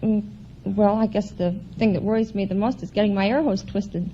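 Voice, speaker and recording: A woman's voice: medium pitch, fairly even intonation, a little fast, dark tone. A woman giving short, simple answers as a contestant on an old radio show. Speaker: contestant, deep sea diver. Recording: dull, hissy vintage radio recording.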